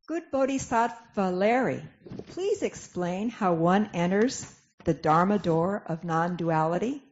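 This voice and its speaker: A woman with a fairly low voice provides formal scripted narration and announcements for a dramatic reading, animated but unhurried. The sound is dull and lo-fi, with clear background noise.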